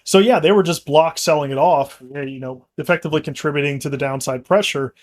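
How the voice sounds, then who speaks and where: A man's voice: a little high, fast talker. A man, co-hosting a casual talk about markets. He rambles in long runs, restarts his sentences often and leans on fillers. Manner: rambling, frequent restarts and fillers, laughs easily. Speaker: company executive co-host.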